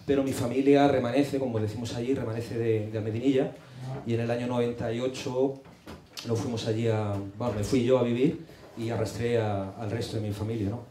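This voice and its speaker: A middle-aged man from Madrid presents his project in a meeting room, speaking into a handheld microphone. His voice is mellow and low-key, and his talk is chatty and self-deprecating. The room adds a noticeable echo. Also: steady tone, a little fast, a little hiss or hum. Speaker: project presenter at rural culture forum. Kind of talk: conference presentation. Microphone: handheld mic.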